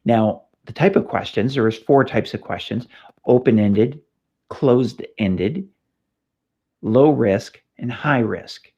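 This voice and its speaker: A man's voice: medium pitch, slow pace, a little mellow, husky. A middle-aged man from California hosting a casual police training talk, chatty and anecdotal with frequent fillers and restarts. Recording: slightly dull lo-fi recording.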